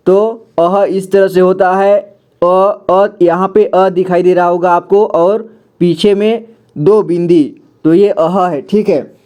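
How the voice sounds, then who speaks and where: A man's voice: high-pitched, fairly even intonation, clear, resonant tone, highs cut off. A man teaching a beginner's alphabet lesson. He explains each letter and picture patiently and often checks back with the listener. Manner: patient, repeats "theek hai" often, drawn-out sounds. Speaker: Hindi teacher.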